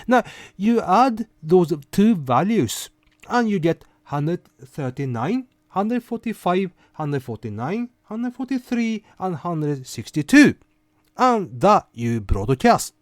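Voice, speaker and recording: A man who hosts a rant and explainer series narrates a casual explainer with quoted passages, chatting conversationally and posing questions to the listener. His voice sits high, very animated, and he speaks slowly. The sound is clean studio quality with no room sound at all.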